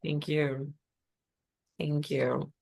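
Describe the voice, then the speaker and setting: Low-voiced, effusive woman leading a group call. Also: flat delivery, very slow, vocal fry, darkish tone. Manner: effusive, affirming, calls people sis; frequent murmured mm-hmms while listening. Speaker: writing course facilitator. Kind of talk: supportive group video call.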